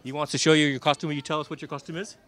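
A man acts out a jovial vampire count with a mock Transylvanian accent and a slightly high male voice. He is polite and reassuring, speaking in choppy foreign-style sentences as he hosts ad-libbed street interviews. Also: level tone, rapid-fire, a bit bright, close to an everyday voice. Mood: welcoming. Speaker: street host of a local TV Halloween show. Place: outdoors on a street.

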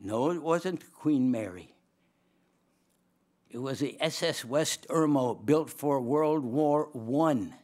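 Slow and mid-range in voice, this older Swedish-accented preacher is a former dean addressing a large auditorium from a lectern microphone. His chapel sermon unfolds as a story told with humor and frequent laughter. He stays lively and uses broad gestures.

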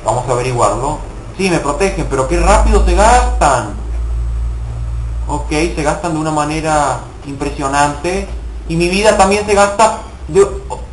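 A man's voice: fairly high pitch, moderate pace, reverberant, slight background noise, low-quality recording. A young man casually commenting on his gameplay, swearing and mocking himself in frustrated outbursts. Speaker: gaming video host.

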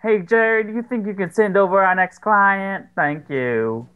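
Here the host has a high, unhurried voice with a clean tone, though the audio sounds phone-quality. He's a young man bantering through co-op horror gameplay, cursing often and keeping things sarcastic and jokey.

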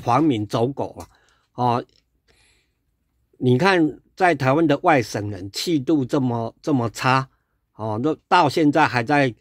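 A man with a Taiwanese Mandarin accent delivers a heated, sarcastic political rant, leaning on drawn-out fillers and repeated phrases. His mid-pitched voice sits close and dry, with little room sound around it. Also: lively intonation, no room sound. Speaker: political commentator. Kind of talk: casual political rant vlog.

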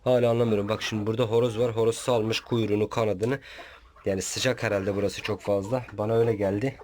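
Brief: man farm vlogger, lowish voice, chatty, coaxes and scolds his birds, poultry clucking behind. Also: fairly even intonation, fast talker, a little mellow. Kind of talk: casual farm vlog narration. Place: outdoors at a small backyard farm. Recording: outdoor farm with audible poultry noise. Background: chickens and roosters clucking.

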